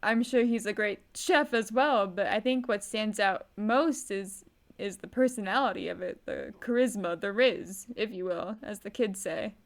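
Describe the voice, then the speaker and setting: A woman's voice: medium pitch, moderate pace. A woman co-hosting a podcast in casual chat, with wry quips and easy laughter. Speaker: podcast co-host.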